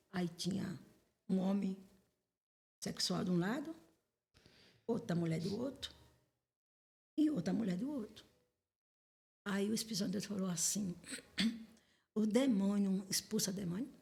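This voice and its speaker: A middle-aged woman telling a personal testimony as a podcast guest, animated and acting out the dialogue she recalls. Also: on the low side, measured pace, gravelly, long pauses. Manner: animated, acts out quoted dialogue. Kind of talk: testimony storytelling.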